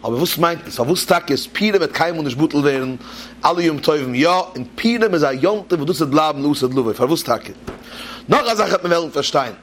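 A man's voice: a little high, lively intonation, fast, a bit bright, a little hiss or hum. A man giving a religious talk, telling jokes and asking rhetorical questions as he teaches. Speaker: preacher. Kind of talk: Yiddish-style Torah talk with jokes.

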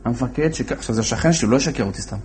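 A man telling a religious story as a sermon in an animated way, acting out the voices of the characters. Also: medium pitch, a little hiss or hum.

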